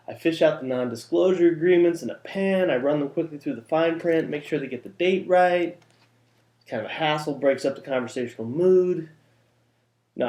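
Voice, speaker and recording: A man's voice: on the high side, darkish tone. Wry man vlogging in an echoey room. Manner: wry, dry humor with playful wordplay. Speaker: vlog host, novelist. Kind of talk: casual talking-head vlog.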